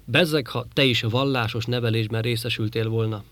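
A gruff, grumbling space merchant who snaps at his visitor, as a man narrating the story puts him on. The voice sits at an ordinary male pitch and sounds dry and close. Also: steady tone, a bit bright, no room sound, lightly acted. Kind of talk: audiobook character voice.

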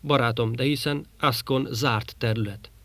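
A man's voice: medium pitch, a bit bright, no room sound, close to an everyday voice. A man voicing an easygoing, curious young male trader in an audiobook reading. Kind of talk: audiobook character voice.

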